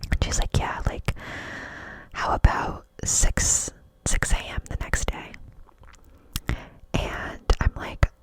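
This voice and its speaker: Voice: slow pace, pauses often, a bit bright, low-quality recording. Someone whispering a chatty, rambling ASMR storytime into cupped hands, close to the microphone. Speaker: ASMR video creator.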